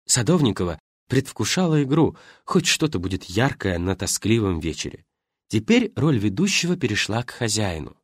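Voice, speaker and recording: A man narrating an audiobook with expressive storytelling. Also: on the low side, moderate pace, slightly rough, dry recording.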